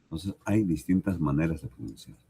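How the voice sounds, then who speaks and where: A Peruvian man teaches a language lesson in a very low, husky voice, with a lively rise and fall. He speaks slowly and deliberately, repeating each example and checking that his listeners follow. The sound is close and dry. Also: dry recording. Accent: Peruvian Spanish. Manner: slow, deliberate, repeats examples and asks "¿correcto?". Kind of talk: recorded lesson.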